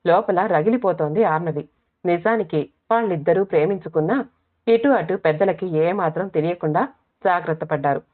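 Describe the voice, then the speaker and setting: A woman narrating a short story in a steady, matter-of-fact reading voice. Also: lowish voice, a little fast. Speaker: audiobook narrator. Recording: tinny phone-like audio.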